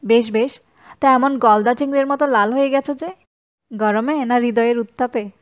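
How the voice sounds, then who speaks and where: A woman's voice: a little high, normal speed, smooth, lo-fi sound, lightly acted. A woman voicing a cheerful young woman who teases playfully in mock-formal banter. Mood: teasing.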